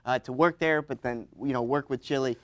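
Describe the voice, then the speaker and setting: A man's voice: mid-range voice, fairly even intonation, a bit bright. A man hosting a late-night talk show, chatting with a guest in an upbeat, eager way. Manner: enthusiastic, fast, says "heck yeah" and "man" a lot. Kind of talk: casual late-night interview.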